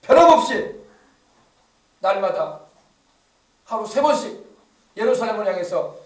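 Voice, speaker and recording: A man preaches with a high, quick voice and rousing call-and-response energy. He speaks with a regional Korean accent from the Yeosu area. His voice echoes through a church sanctuary and is picked up from some distance. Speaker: pastor. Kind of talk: sermon.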